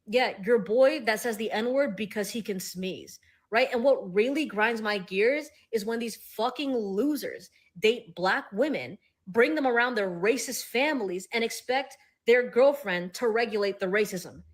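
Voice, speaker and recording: A woman's voice: a little high, unhurried. A woman giving a blunt, profane, emphatic rant straight to camera as a social media commentator.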